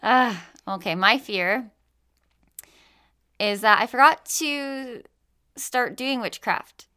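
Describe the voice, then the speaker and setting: A woman's voice: a little high, slow pace, sharp tone. A woman co-hosting a casual podcast from inside a closet, trading dry, teasing jokes. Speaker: podcast co-host. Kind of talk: casual chat.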